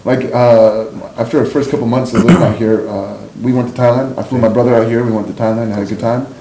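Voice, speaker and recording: A man with a Canadian accent appears as a guest on an in-person podcast, telling personal stories informally and candidly and often saying "like" and "you know." His medium-pitched, warm voice is fast with fairly even intonation, and the indoor room gives a roomy echo with faint background noise.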